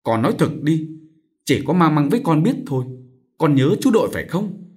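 A man voicing a mother who gently coaxes her daughter. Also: a little high, sing-song, fairly quick, pitched above the performer's own voice. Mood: coaxing. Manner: gentle, coaxing.

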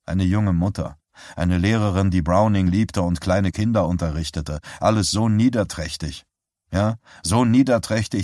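A man voicing an older male doctor who talks in an earnest, halting, apologetic way. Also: fairly low pitch, a little mellow, dry recording, clean studio sound, close to an everyday voice.

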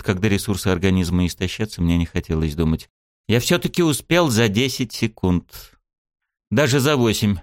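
A man narrating a first-person story in a steady, tense storytelling manner, recorded close in a studio. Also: deep voice, no room sound. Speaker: audiobook narrator.

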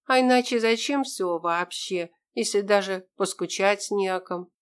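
A tough woman soldier with a soft heart , as a woman narrating a storybook puts her on. She speaks in a plain, earnest way, in a voice of middle pitch. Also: measured pace, smooth, lightly acted.

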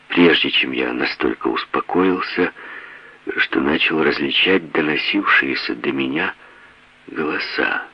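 A man narrating a novel in a measured, unhurried reading voice. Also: extremely low pitch, creaky, slightly rough. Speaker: audiobook narrator. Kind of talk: scripted narration. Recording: dry, dull lo-fi audio.

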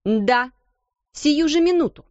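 A woman's voice: fairly high pitch, animated, measured pace, dry recording. A woman reading aloud, voicing a stern, greedy schoolmistress who barks harsh commands, on a dull, dry recording.

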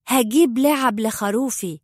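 A woman voicing an angry young boy with an Egyptian accent, shouting and outraged, in a storytelling reading. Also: fairly high pitch, normal speed, no echo, studio quality, pitched above the performer's own voice, close to an everyday voice. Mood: eager. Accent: Egyptian Arabic.

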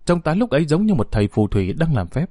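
A man's voice: a little high, big pitch swings, fast, mellow, dry recording, studio quality. A man narrating a story as an audiobook, expressively voicing the characters.

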